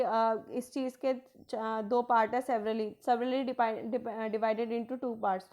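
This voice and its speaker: A woman with a somewhat high voice teaches exam vocabulary. She reads each English phrase out slowly and then explains it at length. She keeps asking a question and then answering it herself. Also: a little mellow. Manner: asks and answers her own questions, repeats key words; mixes in English phrases, slowing to read them out. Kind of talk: explanatory lesson.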